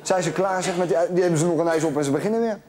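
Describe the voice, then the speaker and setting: A man's voice: high-pitched, very noisy. A man telling a long joke about a café owner, laughing as he goes. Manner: rapid, laughing while telling. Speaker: joke teller.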